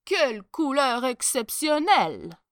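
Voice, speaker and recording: A woman voicing an anxious, flattering male prime minister in a storybook reading. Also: mid-range voice, fairly quick, dry recording, clean studio sound. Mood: fawning.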